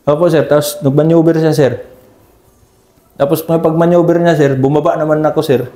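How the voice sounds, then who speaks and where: Deferential soldier telling a war story. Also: male voice, on the high side, level tone, a little fast, dark tone, reverberant. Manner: deferential, ends nearly every phrase with "sir". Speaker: army scout ranger team leader. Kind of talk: conversational war story interview.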